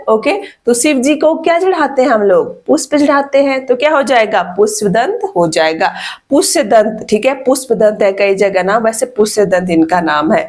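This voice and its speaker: A woman's voice: a little high, a little mellow. A woman teacher giving an exam-prep lesson, repeating questions to her students and checking in with "okay" after each point. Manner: repetitive teacherly questioning, frequent "ठीक है" and "okay".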